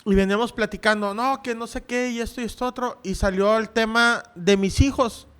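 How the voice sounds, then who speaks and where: A man's voice: high-pitched, fairly even intonation, fairly quick, clear, resonant tone. A male pastor preaching a sermon, telling a personal story and acting out the voices of the people in it. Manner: storytelling, acting out quoted voices, rising to shouts.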